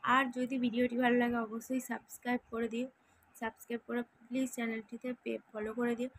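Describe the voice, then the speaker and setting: A woman's voice: fairly high pitch, little pitch movement, fairly quick, rough recording. Chatty young mother giving parenting tips. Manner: chatty, earnest, repeats "thik ache". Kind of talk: casual advice talk to viewers.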